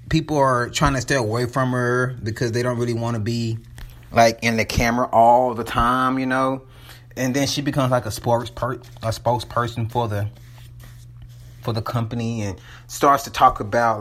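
A man's voice: mid-range voice, a bit bright. A man rambling casually and profanely about a movie, a bit out of breath as he climbs the stairs of a townhome while holding his phone. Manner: loose, profane, chatty, restarts often. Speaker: vlogger reviewing a movie. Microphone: phone held in hand.

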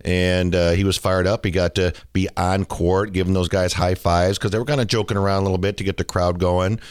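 Man, middle-aged, podcast host, low voice, chatty, joking, dry sound. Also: flat delivery, a little fast, smooth, no room sound. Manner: chatty, jokey storytelling with fillers. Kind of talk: casual podcast monologue.

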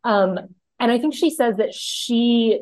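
A woman's voice: on the high side, takes it slowly, a little mellow, dry recording. A young woman co-hosting a podcast in casual chat, rambling and filling her talk with "like". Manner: rambling, full of "like" fillers. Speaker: podcast co-host.

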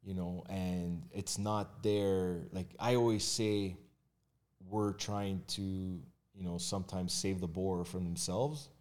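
A man's voice: low-pitched, steady tone, takes it slowly, a little mellow. A man speaking as a guest in a casual podcast conversation about his work in mortgages and real estate, candid and loose, with plenty of fillers and restarts. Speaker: mortgage agent and realtor guest.

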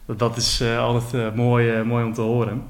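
A man hosting a podcast, introducing the guest and then asking questions in a halting way. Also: medium pitch, completely flat delivery. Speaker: podcast host. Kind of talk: podcast interview.

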